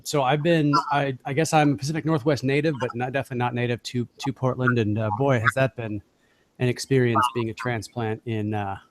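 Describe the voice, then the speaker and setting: Chatty podcast guest, faint line noise. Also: male voice, medium pitch. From Washington State, US. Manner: chatty, with frequent fillers. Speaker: guest, cannabis writer. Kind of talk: casual interview.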